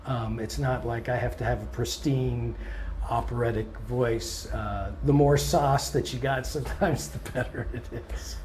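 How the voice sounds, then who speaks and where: Answering an interviewer, a touring blues guitarist and singer talks in a scratchy male voice at medium pitch. His manner is easygoing and thoughtful, with frequent "um" pauses and the odd restart.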